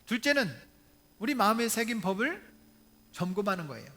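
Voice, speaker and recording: Brief: male pastor, high voice, lively Sunday sermon, engages the congregation with questions and jokes. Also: moderate pace. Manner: preaches with questions to the congregation and humorous asides; retells stories with acted quotes. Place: church, Sunday service video.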